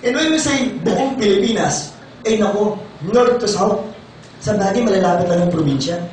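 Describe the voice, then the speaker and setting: A middle-aged man with a Filipino accent speaks in a high, hoarse voice. He is energetic and playful, forever asking the crowd to answer back. His voice is distant, and a big, echoing hall swallows it, with faint room noise behind. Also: moderate pace. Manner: energetic, playful, often asks the crowd questions. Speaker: company doctor giving a sales seminar. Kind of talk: lively seminar talk to a live audience. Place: large seminar hall.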